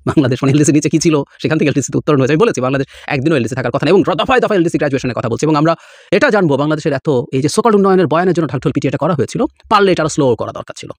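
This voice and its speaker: A man delivers political commentary with scorn, slipping English words into his talk. His voice sits a little high and swings widely. The sound is dry and close. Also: expressive, racing, no room sound. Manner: scornful, emphatic, with English phrases mixed in. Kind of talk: solo video commentary.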